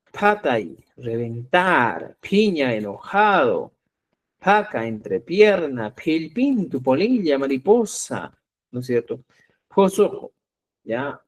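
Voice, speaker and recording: Lively man teaching. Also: medium pitch. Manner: lively, repeats "¿ya?" to check understanding. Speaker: Quechua teacher. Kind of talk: live online language class.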